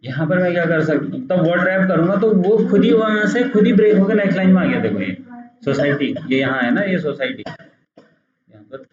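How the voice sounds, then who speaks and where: A man's voice: sits high, animated, fast, a crowd in the background. A man teaching beginners a computer program step by step, patiently repeating words as he points at the screen. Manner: patient, repeats "dekho" while pointing things out. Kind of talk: screen-recorded software tutorial. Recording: roomy, dull lo-fi sound.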